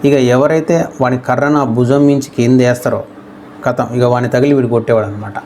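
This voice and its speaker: A man with a Telugu accent in English, teaching English idioms in Telugu. He reads English example sentences slowly and deliberately, then explains them quickly and repeats key phrases. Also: mid-range voice, darkish tone, slight background noise.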